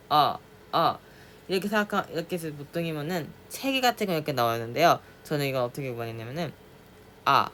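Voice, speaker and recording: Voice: medium pitch, fairly bright tone, a little hiss or hum. Teacher drilling vowel sounds aloud. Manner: repeats vowel sounds over and over to demonstrate; mixes casual and polite speech, asks the listener to follow along. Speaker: French pronunciation teacher. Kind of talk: casual spoken lesson.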